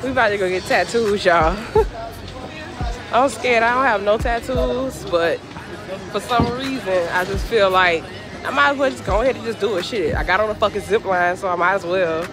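A woman's voice: mid-range voice, moderate pace, crowd noise. Casual sweary woman vlogger, music behind. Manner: frank, rambling, heavy swearing. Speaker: travel vlogger. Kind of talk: casual talk to camera.

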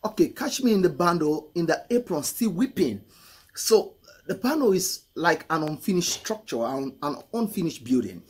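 A middle-aged man with a husky voice, reacting to a song in casual commentary and repeating phrases for emphasis. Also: on the high side, big pitch swings, normal speed. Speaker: music reaction host. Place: indoor room, photo-covered wall. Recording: music playing faintly behind. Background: hip hop song.

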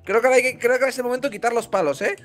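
A man's voice: extremely high pitch, rapid-fire, a bit bright, faint music behind. A man, joking and giving orders eagerly while playing a co-op game. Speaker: co-op gaming partner. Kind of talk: casual co-op gameplay chat.

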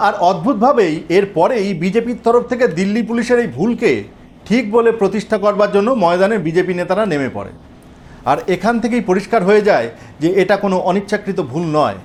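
A man with a notably high voice reads a political news report aloud. His delivery is steady, earnest and scripted, and he speaks to viewers as friends. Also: fairly quick.

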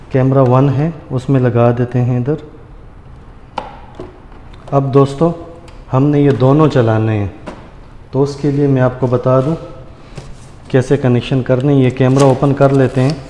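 Measured and steady, with frequent pauses, a man's dark medium-pitched voice guides viewers he calls friends through a casual step-by-step tutorial. Working at a granite counter in a tiled room, he's recorded with heavy hard-wall echo and noise.

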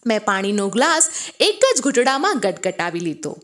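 A woman narrating a first-person family story in an expressive reading voice. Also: medium pitch, normal speed.

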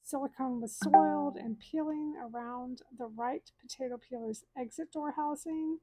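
A woman's voice: sits high, moderate pace, mellow, no room sound, low-quality recording. A woman in her thirties hosting a cruise channel, reading scores aloud in a friendly, explanatory way from a room at home. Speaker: cruise vlog host. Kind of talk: casual walkthrough of data.

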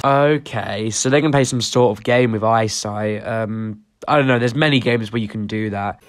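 A man's voice: lowish voice, normal speed, faint music behind. A teenage boy doing sarcastic reaction commentary on a reality show, mocking and swearing freely. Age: teens. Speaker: YouTube commentator.

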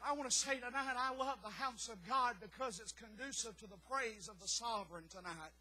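Fervent preacher man, high bright voice. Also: brisk, rough recording. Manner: fervent, rises to shouts then drops low, frequent "uh" fillers. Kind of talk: sermon. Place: church sanctuary.

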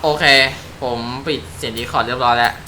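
A man's voice: mid-range voice, fairly quick, bright, forceful tone, slight background noise. A Thai man giving casual, profane commentary while playing a racing game, laughing at his own mistakes. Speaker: gaming YouTuber. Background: car engine and game ambience.

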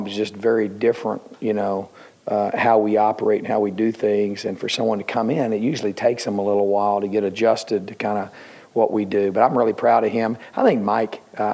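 Gravelly, flat-voiced football coach at a press table. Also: male voice, on the low side. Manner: rambling, halting with many fillers and restarts. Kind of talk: post-game press conference. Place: indoor press room. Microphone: table microphone.

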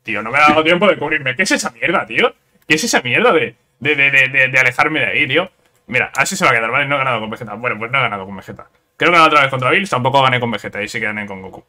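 A man from giving casual let's-play commentary on a fighting game, excitable, repeating words in quick bursts and ending phrases with "eh?". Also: mid-range voice. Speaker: gameplay commentator.

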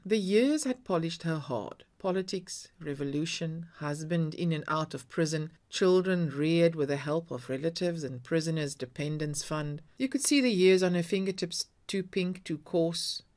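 A woman reads a short story aloud with a fairly low voice and a lively, rising and falling delivery. Her narration is measured and expressive. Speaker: story reader.

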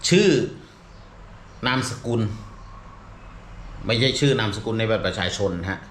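A middle-aged male comedian talks things through in a loose, meandering way, peppering his speech with fillers and polite particles. His voice sits on the low side, and the room rings around him. A faint hum of ambience stays behind him. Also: a little slow, fairly bright tone, roomy sound. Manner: rambling, many fillers and restarts, polite particles. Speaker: comedian and show regular. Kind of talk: casual explanatory talk.

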